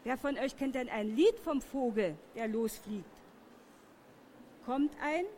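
Slow, high-voiced woman reading to children. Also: a little hiss or hum. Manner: slow, lively, asks the children questions. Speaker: storyteller for children. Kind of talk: reading a children's story aloud to a group.

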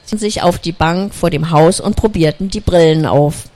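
A storyteller reading a children's story aloud in a calm, unhurried way, with small slips. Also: medium pitch.

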